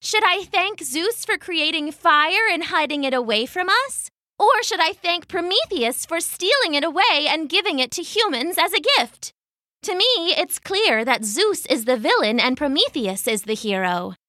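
A woman's voice: very high voice, very animated, normal speed, sharp tone, no echo, clean studio sound, pitched above the performer's own voice, heavily acted. Woman voicing a defiant young weaver girl. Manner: bold, scornful, defiant.

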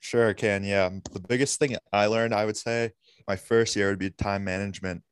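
Young male podcast guest, clear and smooth, dry close sound, measured and earnest. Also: fairly low pitch, fairly even intonation, dry recording. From Massachusetts. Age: young adult. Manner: earnest, measured, frequent fillers. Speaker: podcast guest, college hockey player. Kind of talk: casual interview answers.

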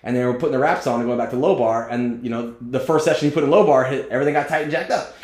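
Guy in his 40s talking fast on a podcast, blunt and jokey, echoey room. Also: mid-range voice, darkish tone. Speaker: strength coach and podcast host. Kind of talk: casual podcast chat.

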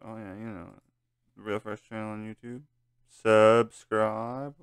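A man's voice: lowish voice, little pitch movement, unhurried, clear, resonant tone, no room sound. A man hosting a podcast in casual chat, laid-back and stumbling over his words as he goes. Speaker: podcast host.

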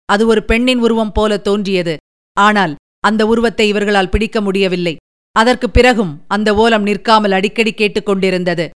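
A woman narrating a novel in a measured, deliberate storytelling manner. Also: mid-range voice, smooth. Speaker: audiobook narrator.

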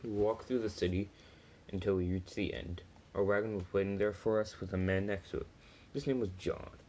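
A man's voice: on the low side, steady tone, fairly quick, darkish tone, slight background noise, rough recording. A man reading a first-person story aloud, plainly, with small slips and restarts.

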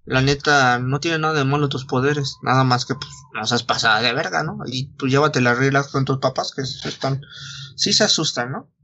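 A man with a Mexican Spanish accent voicing an easygoing, frank old great-grandmother in a slangy, higher-pitched voice. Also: normal speed, bright, forceful tone, muffled recording. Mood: reassuring.

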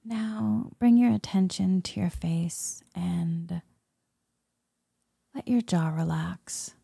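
A woman leading a guided meditation in a soft, soothing spa-like murmur that often slips into a whisper. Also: fairly low pitch, takes it slowly, vocal fry, slightly rough, dry recording, clean studio sound. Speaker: guided meditation leader, Reiki healer.

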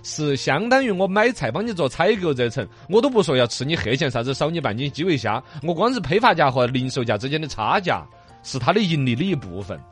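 A man's voice: on the high side, big pitch swings, fast talker, slightly rough, soft background music. A man with a Chengdu Sichuan dialect chatting casually as a talk show host, explaining things colloquially and often checking back with rhetorical questions. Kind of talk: casual chat, commenting on listener messages.

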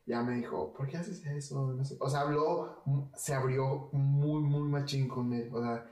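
A man's voice: mid-range voice, steady tone, measured pace, a little mellow, far from the mic. A young adult man with a Mexican accent, telling personal stories in slangy casual chat. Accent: Mexican Spanish. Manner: slangy, storytelling, emotional. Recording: echoey room, away from the mic.

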